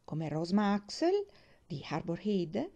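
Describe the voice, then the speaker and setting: A woman reading a novel aloud in an expressive, varied way. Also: on the low side, takes it slowly. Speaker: audiobook reader. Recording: dull muffled recording.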